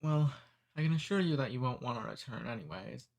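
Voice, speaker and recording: In an ASMR roleplay, a man voices a courteous demon who abducts humans, speaking softly in an amused, cordial way and teasing gently without ever threatening. His medium-pitched voice sits in a plain middle register and stays close to an everyday voice, with some vocal fry. The pace is easy yet a little fast.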